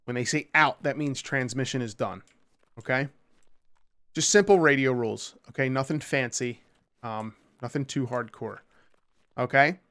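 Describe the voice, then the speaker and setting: A man's voice: mid-range voice, normal speed, pauses often, a bit bright, clean tone. A man hosting a casual gameplay tutorial, explaining radio calls and teamwork in a loose, chatty way, often checking in with "okay?" and acting out sample calls. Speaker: gaming tutorial host. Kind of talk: casual instructional commentary over gameplay.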